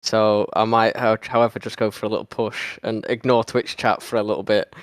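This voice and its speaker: A man's voice: on the low side, level tone, a little fast, no echo. A man, a sim racing driver, answering interview questions with self-mocking laughs. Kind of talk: interview on a stream.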